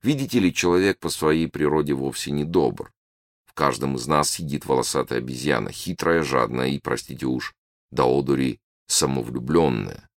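A man reading the part of a polite, condescending male alien official who lectures smoothly. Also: rumbling low, dry recording, clean studio sound.

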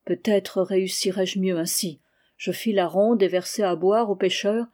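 Female audiobook reader, mellow and warm, steady literary narration. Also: normal speed. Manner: steady reading, louder and higher for quoted cries. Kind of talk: scripted narration of a novel.

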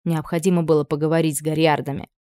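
A woman reading a fantasy story aloud in a steady, measured way. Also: low-pitched, smooth, no echo, clean studio sound. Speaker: audiobook narrator. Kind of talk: scripted fantasy narration.

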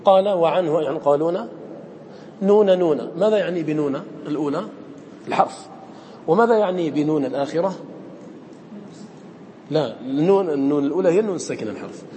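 A male teacher leads a classroom lesson in a rapid, dark-toned voice that sits somewhat high. He questions his students and slows right down to draw out each quoted line. Faint room noise hangs behind him. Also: lively intonation, long reverb tail. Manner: quizzes students, slowly drawing out quoted verse.

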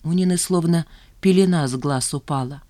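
A woman narrating a novel as an audiobook reader, measured and expressive. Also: low-pitched, no echo.

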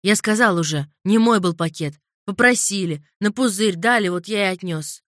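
A woman voicing a nervous, scruffy small man in his forties who whines and turns shrill when cornered. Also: fast talker, no room sound, studio quality, lightly acted. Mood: defensive. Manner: whiny, defensive, cracks high when shouting.

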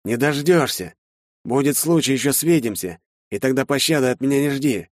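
A man's voice: fairly high pitch, expressive, fairly quick, a little mellow, dry recording, clean studio sound, pitched above the performer's own voice. A man voicing a surly young male recruit in an audiobook, whiny with his elders and spitefully threatening behind their backs. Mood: menacing. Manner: whiny, then hissing threats through teeth. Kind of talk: audiobook character voice.

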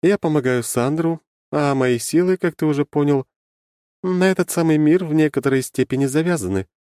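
A man's voice: on the high side, a little fast, mellow, smooth, dry recording, studio quality, voice pushed up, close to an everyday voice. Cheeky sly goddess done by a man. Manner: cheeky, mocking. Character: sly, brash female goddess, quick-tempered. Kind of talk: audiobook character voice.

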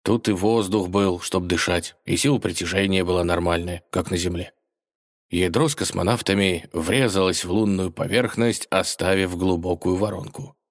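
A man narrating a fairy tale for children, gently addressing his listeners directly. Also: sits low, fairly even intonation, normal speed.

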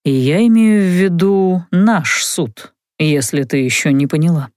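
A woman voicing a mocking, smug young male mage in an audiobook, speaking calmly and teasingly in a lowered voice. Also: no echo, studio quality. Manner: calm, teasing, unhurried. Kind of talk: audiobook character voice.

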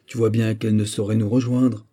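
A man's voice: on the low side, flat delivery, a little fast, dark tone, lightly acted. A man voicing a dashing young naval captain who pleads fervently with his beloved, in a storybook reading. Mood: enthusiastic.

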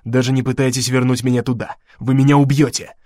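A man voicing a male professor who faces his own death, speaking quietly and haltingly in a storybook reading. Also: medium pitch, flat delivery, no room sound, clean studio sound, lightly acted. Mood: shouting.

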